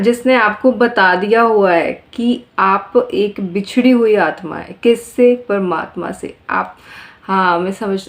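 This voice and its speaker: A woman giving a tarot reading to her viewers in a casual, earnest way, often repeating phrases and speaking to them directly. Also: medium pitch. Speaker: tarot reader.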